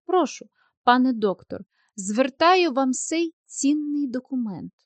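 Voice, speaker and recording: Woman doing a cold hurt young lady, reproachful, kinda high pitched, dry. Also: animated, slow pace, no room sound. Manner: cold, reproachful, turning tearful. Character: proud young woman, post office clerk, wounded and indignant. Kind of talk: audiobook character reading.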